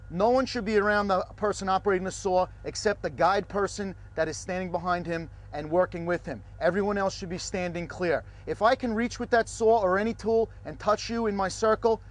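A man with a fairly high voice hosts a fire service training segment outdoors. He speaks with direct emphasis as he presses home safety points about tools and crews. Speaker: fire service instructor, show host. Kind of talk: training video presentation.

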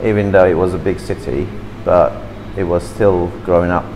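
Seated indoors at a café table, a man from Turkey in his fifties talks in English about growing up, lively and talkative, his hands moving as he speaks and his English a little broken. His voice sits low at a normal speed. Captured by a camera across the table, the audio is poor, with slight hiss or hum and a big-room echo.

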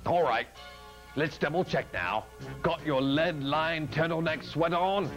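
A man's voice: a little high, a little slow, fairly bright tone. A man speaking as a campy horror host, a mad monk with theatrical, joking patter full of puns. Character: campy mad old monk hosting late-night horror films. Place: small TV studio set. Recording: 1980s TV broadcast with music behind.

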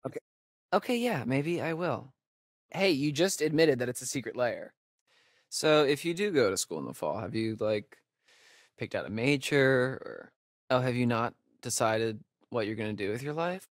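A video game voice actor plays a wisecracking young American guy in naturalistic dialogue, his medium-pitched voice natural and animated. He sounds joking, casual, and sarcastic, with halting asides. The recording is dry, with no room sound.

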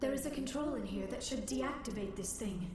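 A woman's voice: on the high side, brisk, a little mellow, natural voice. An actress playing an anxious, earnest young female alien scientist in a video game, speaking in careful formal words. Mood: worried, explaining. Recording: echoey, distant game audio with noise.

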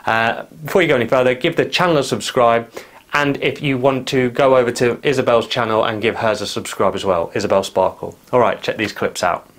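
A man's voice: medium pitch, brisk. A man hosting a casual vlog, stumbling over his words, restarting and swearing at his own slip-ups. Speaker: vlog host. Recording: noisy background.

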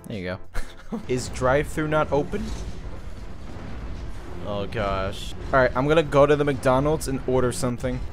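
Brief: young male gamer, animated and playful, mid-range voice, faint music bed. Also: mid-range voice, moderate pace, long pauses. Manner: animated, playful, shouts at the game. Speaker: gaming video creator. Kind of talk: excited gameplay commentary. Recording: game music playing softly behind.

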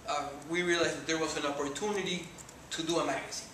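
Fast and fairly high, with fairly even intonation and a pushed, bright quality, this Mexican-accented guest speaker addresses students earnestly in a lecture room, gesturing throughout. He's in his forties, from Mexico, and Spanish is his first language. The recording, from a far camera, is echoey and noisy.

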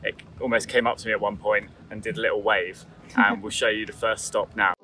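A man hosting a casual travel vlog outdoors on a tropical island, chatty and relaxed, talking to a handheld camera. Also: on the low side, brisk, background noise. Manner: chatty, relaxed, self-correcting. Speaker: travel vlogger host.

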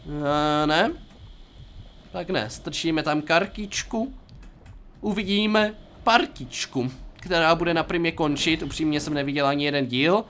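High, bright-voiced Czech gamer man. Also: slight background noise. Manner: playful, jokey, talks to himself while playing. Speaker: gaming YouTuber. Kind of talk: casual gameplay commentary.

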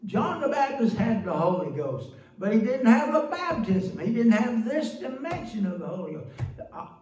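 A man's voice: high voice, big pitch swings, moderate pace, darkish tone. An older man preaching a folksy sermon in a small church, holding a handheld microphone, chatty, often saying "praise God" and laughing. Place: small church sanctuary, indoors. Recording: very echoey room, voice from a distance.

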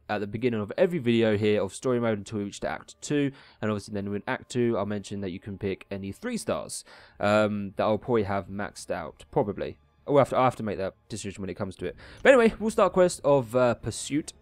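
With a lowish voice, a man hosts a gaming video, keeping the commentary casual and colloquial and performing story dialogue theatrically. There's no room sound, though game music runs under his voice.

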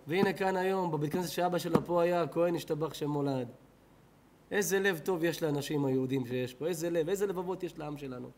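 A rabbi with an Israeli Hebrew accent preaching in a synagogue hall. His voice sits high for a man. He swings from loud, excited cries down to low murmurs. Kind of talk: sermon to a synagogue audience.

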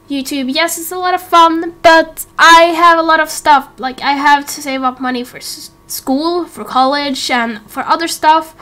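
A late-teen young woman who creates and hosts a YouTube roleplay series gives viewers a casual, rambling update. She's giggly and keeps interrupting herself, her high voice bright and forceful.

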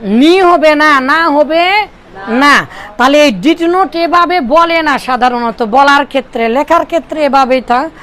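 A man's voice: very high voice, slow pace, bright, forceful tone. A man from Bangladesh teaching Arabic grammar to a classroom of pupils, drilling and repeating phrases for them to echo.

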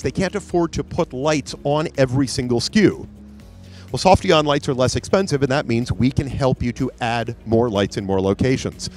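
A man in his 40s with a fairly high voice narrates a live product demo at a trade booth in a large convention hall. He's upbeat and salesy, pointing out features into a handheld mic as faint music plays underneath.

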